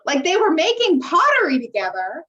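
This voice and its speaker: An American woman co-hosts a podcast, chatting casually and emphatically about a TV dating show with plenty of slang and swearing. Her high voice swoops wildly in pitch, bright and forceful, at normal speed. The recording sounds muffled.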